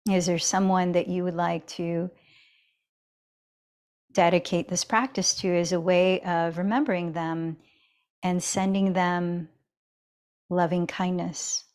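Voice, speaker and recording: Woman, yoga instructor, soft soothing delivery, slow pace. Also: lowish voice, steady tone, clean tone. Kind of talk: guided yoga and breathing instruction.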